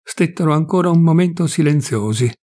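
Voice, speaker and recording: A man's voice: on the high side, expressive, warm tone. Solemn man reading a classic novel. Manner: measured, deliberate, solemn. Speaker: audiobook reader. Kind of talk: scripted narration of a classic novel.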